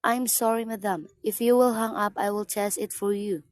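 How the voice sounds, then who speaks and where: A woman's voice: mid-range voice, steady tone, moderate pace, no echo, clean studio sound, lightly acted. A woman playing a polite, unruffled telephone operator in a radio play, formal and procedural.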